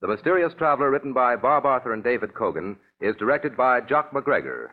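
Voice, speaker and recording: A man's voice: mid-range voice, very animated, a little fast. A man with an American accent announcing in the manner of a 1940s old radio announcer, reading scripted credits. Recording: tinny narrow-band vintage radio recording.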